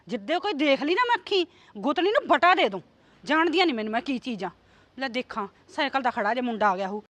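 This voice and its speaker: A woman playing a shrill nagging mother-in-law. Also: pushed and bright. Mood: grumbling. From Punjab. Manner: scolding, taunting. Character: sharp-tongued nagging middle-aged mother-in-law. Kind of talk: amateur village drama acting.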